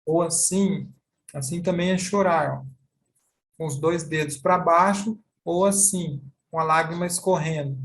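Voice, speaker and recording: Brazilian male teacher, unhurried, methodical explainer. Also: fairly high pitch, a bit bright. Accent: Brazilian Portuguese. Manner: slow, deliberate, explains with repeated examples. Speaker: sign language teacher. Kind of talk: online class explanation.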